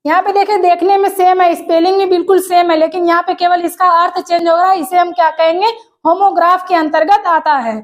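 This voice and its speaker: A woman teacher explaining an exam-prep lesson step by step, repeating key terms and asking rhetorical questions, and reading definitions aloud slowly. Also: very high voice, flat delivery.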